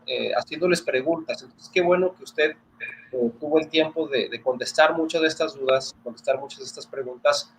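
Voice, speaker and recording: A news presenter with a fairly high voice and a northern Mexican border Spanish accent interviews a doctor politely and formally over a video call. The audio is poor, with slight background noise.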